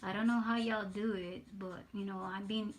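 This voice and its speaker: With a mid-range voice and fairly even intonation, an older livestream artist from Puerto Rico chats while drawing. Nervous and halting, she repeats words, and her accent combines Puerto Rican Spanish with a Southern US sound.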